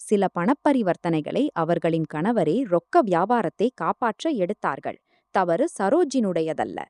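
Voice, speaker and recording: Story narrator, woman, animated pitch, dry close sound, steady delivery. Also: no echo. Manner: steady, even reading of a family drama. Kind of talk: scripted narration.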